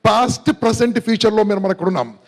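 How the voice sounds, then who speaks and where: Middle-aged male motivational speaker, high voice, energetic, keeps quizzing the crowd. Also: rapid-fire. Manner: energetic, questions the audience, mixes in English. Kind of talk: motivational seminar talk.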